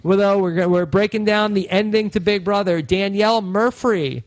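A man's voice: high voice, normal speed, no echo. A man hosting a podcast in a casual, rambling way with lots of fillers. His voice is tired and he is close to losing it. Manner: rambling, many "uh" fillers and restarts. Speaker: podcast host.

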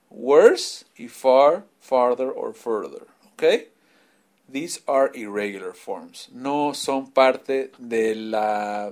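A man teaching English grammar, patiently explaining each rule and repeating examples in two languages. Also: medium pitch.

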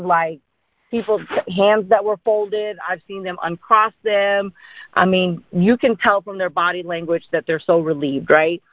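An insurance agent, a woman born in India and raised in Dallas, Texas, gives informal sales training. Her voice sits on the low side, arriving through a thin, phone-like line with a dry, close sound and no room around it. She explains things, often adding check-ins like "right?" and "okay?".

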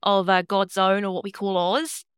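Wry New woman with a smooth voice. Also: mid-range voice, flat delivery, normal speed, dry recording, studio quality. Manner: chatty, wry, self-deprecating, laughs often. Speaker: game master. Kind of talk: casual chat.

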